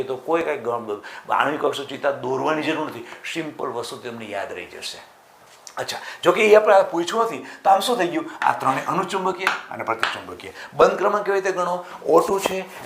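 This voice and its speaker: A man teaching chemistry exam prep in Gujarati, asking his students questions and answering them himself, stretching key terms out slowly. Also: mid-range voice, vocal fry, fairly bright tone, reverberant, a little hiss or hum.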